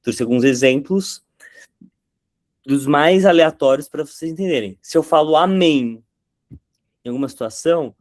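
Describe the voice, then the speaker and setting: Talking to camera in a dry, studio-quality recording, a man with a slightly high voice explains how to create content in a relaxed, conversational style. Now and then he does quick impressions of catchphrases.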